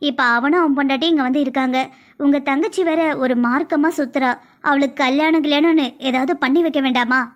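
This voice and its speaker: A woman's voice: high-pitched, fairly even intonation, brisk, lightly acted. Brief: woman as a nagging, worried housewife, cartoon. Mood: complaining. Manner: complaining, insistent. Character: married housewife, worried and insistent. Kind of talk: cartoon voice acting.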